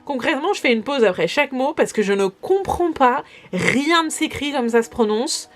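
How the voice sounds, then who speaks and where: A young French woman chatting casually in a vlog, rambling and often correcting herself, with soft music behind. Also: high voice, expressive, moderate pace. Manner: rambling, self-correcting, lots of fillers. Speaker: vlogger. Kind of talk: casual chat. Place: home in New York.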